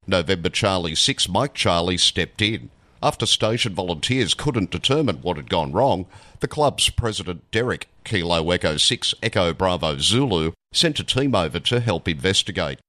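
A man's voice: low-pitched, sharp tone, no echo. A man reading scripted news narration in a dramatic, documentary-style storytelling manner. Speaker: amateur radio news reader.

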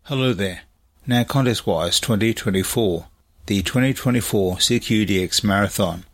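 A man's voice: fairly low pitch, moderate pace, fairly bright tone. A man presenting a scripted radio bulletin as a news reader.

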